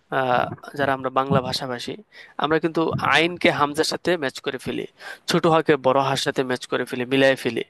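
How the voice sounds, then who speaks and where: A man's voice: fairly high pitch, fairly bright tone, no echo. A man teaching an online Quran recitation class, explaining patiently step by step and quizzing his students. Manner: asks students questions to check understanding.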